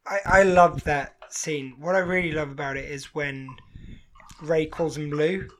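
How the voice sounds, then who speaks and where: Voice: medium pitch, fairly even intonation, a little slow, a bit bright. Chatty enthusiastic podcast co-host. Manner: chatty, enthusiastic, many restarts. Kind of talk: casual chat reviewing a TV show.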